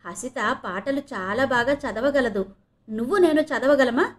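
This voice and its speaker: A woman's voice: sits high, normal speed, close to an everyday voice. A woman voicing a playful young female medical student in an audio novel reading. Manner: playful, teasing.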